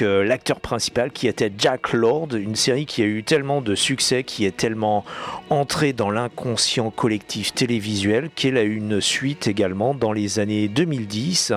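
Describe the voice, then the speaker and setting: A man from France hosting a music radio show, talking informally and correcting himself as he goes. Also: medium pitch. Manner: chatty, informal, self-correcting.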